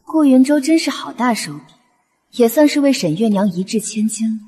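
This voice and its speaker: A proud young princess speaks with cool authority in a period drama. Her voice sits fairly high with a husky grain. The delivery is regal and controlled. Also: lively intonation, moderate pace, dark tone. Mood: scornful. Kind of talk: Chinese period short-drama acting.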